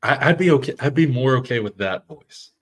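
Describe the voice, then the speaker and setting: A man's voice: mid-range voice, lively intonation, brisk. A man co-hosting a podcast, chatting casually and meandering as he searches for words. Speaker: podcast co-host. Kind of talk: casual chat.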